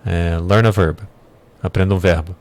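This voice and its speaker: A man's voice: deep voice, fairly even intonation, moderate pace, a little mellow. A man teaching English vocabulary in a casual lesson, thinking aloud and correcting himself as he goes. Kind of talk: casual screen-share lesson.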